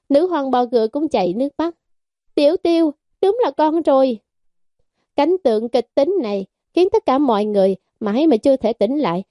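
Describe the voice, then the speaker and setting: A woman giving steady, scripted audiobook narration of a fantasy novel. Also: fairly high pitch, no room sound, clean studio sound. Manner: steady storytelling.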